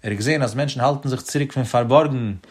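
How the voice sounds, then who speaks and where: A man teaching a Talmud study lesson in a rapid sing-song cadence, his pitch swinging up and down as he explains. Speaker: religious teacher.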